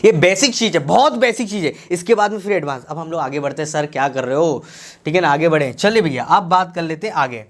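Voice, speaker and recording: A man's voice: on the high side, animated, fast talker, few pauses. A man teaching English grammar with an Indian accent. He repeats each practice sentence several times, then asks the class questions and answers them himself.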